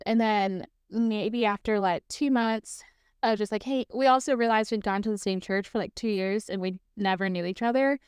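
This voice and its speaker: On her own podcast, a woman of about thirty tells stories solo in a casual, chatty way, laughing easily and filling her speech with "like" and "um." Her medium-pitched voice is smooth, and the recording is dry and clean, with studio-quality sound.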